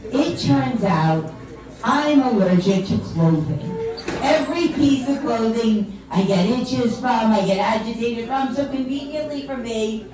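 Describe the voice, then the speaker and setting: Fairly high in pitch and a little slow, a female comedian from the tri-state area is picked up from afar. Her voice seems older than she is as she chattily teases the crowd and mocks herself. Laughter and chatting fill the echoey club.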